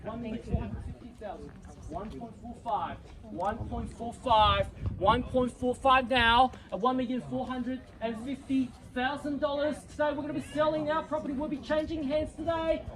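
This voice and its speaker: Very high-pitched male property auctioneer. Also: fairly even intonation, normal speed, fairly bright tone, rough recording. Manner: showy, rallying patter urging bidders. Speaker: real estate auctioneer. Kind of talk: live auction calling, repeating bid amounts. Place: live property auction before a crowd.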